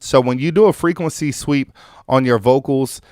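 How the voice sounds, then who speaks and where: A man hosting a music production tutorial in a loose, conversational way, full of fillers and restarts, his voice still a little hoarse from an illness. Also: mid-range voice, moderate pace, dark tone, no echo, studio quality. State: recovering from illness, slightly hoarse. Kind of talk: casual on-screen tutorial.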